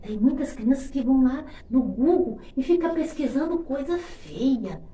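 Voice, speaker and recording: A woman's voice: sits high, lively intonation, unhurried, warm tone. A woman with a Brazilian accent giving a coaxing devotional talk to children, often checking in with little questions. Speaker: children's Sunday school teacher. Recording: roomy, distant microphone, faint noise.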